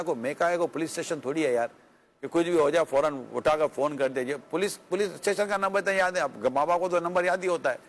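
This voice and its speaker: A religious scholar with a Pakistani Urdu accent answers a question on marriage in an earnest, conversational way. His voice sits a little high for a man. He mixes pious formulas with pointed rhetorical questions. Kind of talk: religious advice talk.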